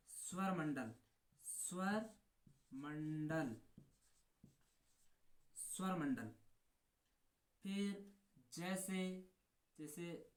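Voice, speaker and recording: A woman teacher, drawing each word out slowly and saying it again and again so it sticks. Her voice sits a little low. The echoey room rings around her. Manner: slow, drawn-out repetition of words, drilling. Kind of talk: exam-prep lesson with a memory trick.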